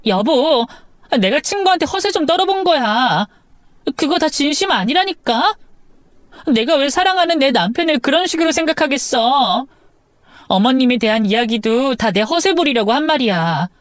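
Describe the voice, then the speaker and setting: Casting: woman voicing flustered young wife, stammering, pleading, fairly high voice, dry recording. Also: animated, moderate pace, no echo. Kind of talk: drama audio story.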